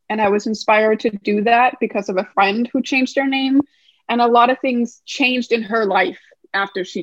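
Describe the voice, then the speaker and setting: Guest, woman from Denmark, fairly high voice, thoughtful explainer; dull lo-fi audio. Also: no echo. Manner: thoughtful, explanatory, many fillers. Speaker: podcast guest, numerologist. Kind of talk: podcast interview.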